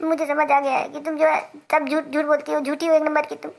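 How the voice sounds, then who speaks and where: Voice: sits high, level tone, a little fast, vocal fry. A performer voicing a jilted village man in a cartoon comedy, with an Awadhi accent, ranting, stammering and tearfully threatening his ex. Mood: hurt, accusing.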